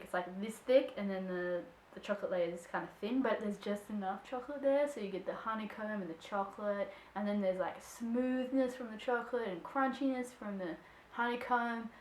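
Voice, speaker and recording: A young Australian woman vlogging to camera, answering viewer questions in a chatty, expressive way. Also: mid-range voice, a little hiss or hum. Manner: chatty and expressive, acts out quoted voices. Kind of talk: casual chat to camera. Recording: echoey room.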